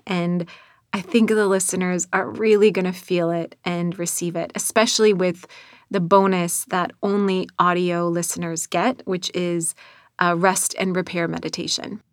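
Author interview: middle-aged woman, North Dakota accent, sincere and reflective, slow pace, dry sound. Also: fairly low pitch, no room sound. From North Dakota, United States. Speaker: author and narrator of own audiobook. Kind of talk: reflective interview about own work.

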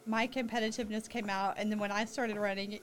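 A woman's voice: medium pitch, steady tone, fast, slight background noise. A woman chatting casually with a friend in a chatty, giggly way. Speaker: co-host of a chat.

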